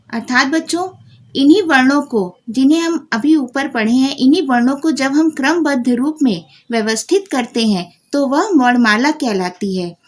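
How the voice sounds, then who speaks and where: A woman's voice: sits high, rough recording. A woman teaching a grammar lesson to children, calling out the letters one by one. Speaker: Hindi teacher. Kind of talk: slow classroom grammar lesson.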